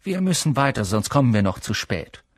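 A man's voice: mid-range voice, very animated, a little fast, dry recording, studio quality. A man voicing a grumpy, impatient schoolboy with a curt, annoyed manner in an audiobook reading.

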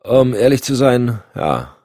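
A man's voice: medium pitch, very animated, slow, a little mellow, dry recording, pitched above the performer's own voice. A man voicing a cool dry special agent. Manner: curt, matter-of-fact.

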